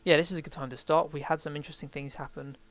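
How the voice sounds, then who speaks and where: A man with a slightly high voice talks casually through a let's play, rambling and thinking aloud as he decides his next move. Faint game music plays softly behind him. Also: fairly even intonation, rapid-fire. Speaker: game streamer.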